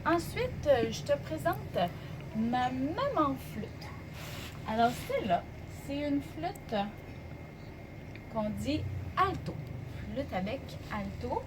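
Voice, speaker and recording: A young woman teaches a music lesson to small children. She talks slowly and encouragingly, her high voice rising and falling in a lively sing-song. Steady background noise sits under the recording.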